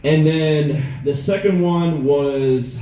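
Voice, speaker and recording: Animated man telling stories on stage. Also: a little high, slow pace. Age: 30s. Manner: animated, profane, self-mocking. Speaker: stand-up comedian. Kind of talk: stand-up storytelling. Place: comedy club stage. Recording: echoey room, faint noise.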